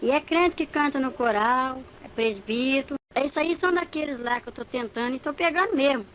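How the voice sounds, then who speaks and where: A woman's voice: high-pitched, fairly quick, a bit bright, slight background noise, low-quality recording. A woman playing a gloating male devil who is the boss of demons, mocking and taunting as she tells her story.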